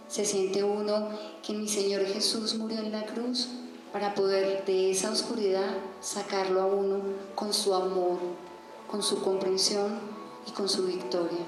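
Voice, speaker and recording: A woman giving an earnest, emotional religious testimony. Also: medium pitch. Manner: earnest, rising to pleading cries when reliving moments. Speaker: testimony speaker. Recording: very echoey room with faint music.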